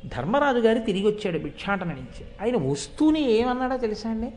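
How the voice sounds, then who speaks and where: A man's voice: high-pitched, big pitch swings, a little fast, darkish tone. A man giving a devotional discourse on an ancient epic, chanting classical verses and telling the story with acted quotes while speaking directly to his listeners.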